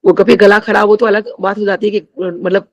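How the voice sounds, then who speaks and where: A woman's voice: medium pitch, level tone, normal speed. A middle-aged woman sharing a spiritual testimony with a congregation. She addresses them often and mixes English phrases into her Hindi.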